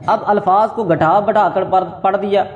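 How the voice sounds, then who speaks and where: A man's voice: sits high, steady tone, narrow, tinny audio. A man teaching religious rules on prayer and correct recitation, explaining step by step and repeating his points. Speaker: qari teaching Quran recitation. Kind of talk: religious lesson on prayer and tajweed. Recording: echoey hall reverb.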